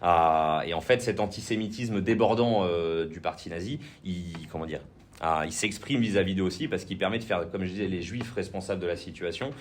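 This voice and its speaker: A man's voice: sits low, brisk, slight background noise. A man with a French accent giving an informal political training talk, hesitant, with many fillers and restarts. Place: indoor training session room.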